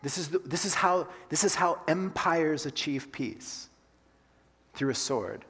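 A man's voice: fairly high pitch, a little slow, bright, forceful tone, breathy edge. A pastor who grew up in Colombia gives a conversational sermon, repeating his key phrases for emphasis. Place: church sanctuary. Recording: long hall reverb.

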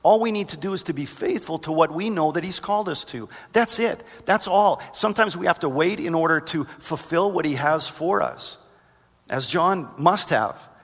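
A man preaching a sermon as pastor, earnest, reading verses and climbing higher for emphasis. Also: animated, moderate pace, a bit bright. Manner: earnest, rises in pitch for emphasis. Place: church sanctuary. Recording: long reverb of a large hall.

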